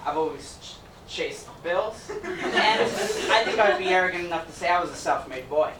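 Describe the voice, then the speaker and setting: Young guy from ecuador doing a chatty talk, bit high voice, echoey hall, mic kinda far. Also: expressive, moderate pace. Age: young adult. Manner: upbeat, conversational, jokey. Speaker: student presenter. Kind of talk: presentation talk. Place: event hall with audience. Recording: roomy, distant mic, noisy.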